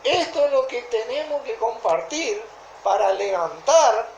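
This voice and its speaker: A woman with a Rioplatense Argentine accent preaching a sermon in a deliberate way, often stopping to ask whether listeners follow. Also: a little high, expressive, gravelly, darkish tone, slight background noise. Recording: echoey room.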